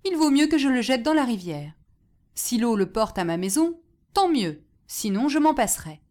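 Woman voicing a sly trickster peasant man, cunning, calm, lively pitch. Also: normal speed, natural voice.

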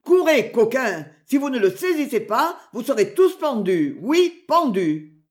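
A woman reading a storybook aloud, voicing a cowardly male baron who screams orders in a shrill fury. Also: big pitch swings, slow, fairly bright tone. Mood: frantic rage.

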